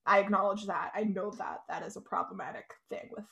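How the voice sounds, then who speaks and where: In a casual podcast chat, a young woman co-host talks fairly quickly, her speech full of "like" and "you know." Her medium-pitched voice is a bit bright, with fairly even intonation and some vocal fry.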